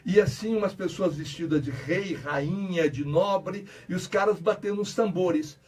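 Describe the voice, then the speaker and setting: A man's voice: high-pitched, unhurried, a little mellow, breathy edge. A man, an author being interviewed on radio, telling rambling stories full of restarts and repeated words. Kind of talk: casual radio interview storytelling. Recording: distant mic, radio studio.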